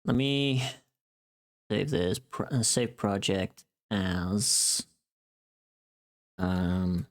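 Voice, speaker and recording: With a deep voice, drawn-out words and frequent pauses, a livestreamer rambles informally and swears a little. He's close to the microphone, and his voice sounds tired after a long recording session.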